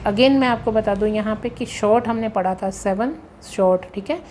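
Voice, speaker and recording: A woman's voice: medium pitch, normal speed, darkish tone, a little hiss or hum. A woman teacher explaining exam questions in a lesson, patiently repeating key points and reading the terms. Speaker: English grammar teacher.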